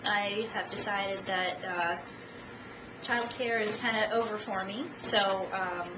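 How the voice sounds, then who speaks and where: A woman in her thirties from the United States giving a self-introduction speech for a class, measured and dotted with ums and uhs, recorded on a camcorder. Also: medium pitch, steady tone. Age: 30s. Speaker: student. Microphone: camcorder at a distance. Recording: echoey room, distant camcorder, audible noise.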